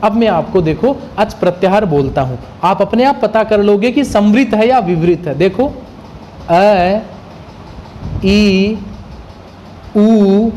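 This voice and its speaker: A man's voice: very high-pitched, a little mellow, slight background noise. A man teaching Sanskrit grammar in a classroom lecture. He asks his students questions, answers them himself, and sounds out letters one at a time.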